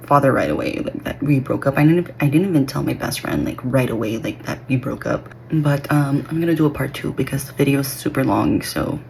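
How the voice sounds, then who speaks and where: A woman vlogger talks casually while doing her makeup, leaning constantly on "like" and "okay?". Her voice sits low and has a gravelly, fried edge. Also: animated, brisk, few pauses, darkish tone, slight background noise. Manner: chatty, heavy use of filler like and okay. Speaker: beauty vlogger. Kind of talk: casual get-ready-with-me storytime.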